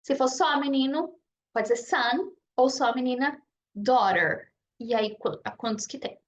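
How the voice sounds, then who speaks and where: A woman from Brazil teaching a beginners' language lesson, explaining patiently and slowing down to model example phrases. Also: sits high, slight background noise. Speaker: English teacher.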